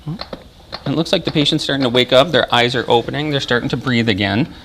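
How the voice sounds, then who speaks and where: A man's voice: medium pitch, fairly quick, fairly bright tone, slight background noise, poor audio. An American man, an emergency services coordinator, giving a procedural instructional demonstration and explaining each step.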